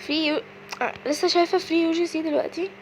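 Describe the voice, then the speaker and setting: A woman with an Egyptian accent giving casual, excitable commentary as she plays a game, often shrieking and exclaiming. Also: very high voice, very fast, slight background noise, poor audio. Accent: Egyptian Arabic. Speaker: gaming video creator.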